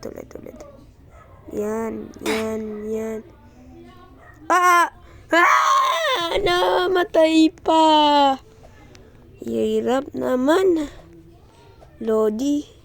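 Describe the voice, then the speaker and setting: A young woman from the Philippines giving excitable, casual commentary while playing a video game, yelping and praising herself. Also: a little high, gravelly. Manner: excitable, yelps and self-praise. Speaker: gameplay streamer.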